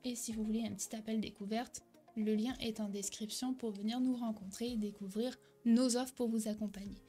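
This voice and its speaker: A woman's voice: fairly high pitch, fairly even intonation, brisk, dark tone, faint music behind. A young woman giving a direct-to-camera tutorial as an online selling coach, talking energetically with frequent "ok?" check-ins and a few hesitations and self-corrections.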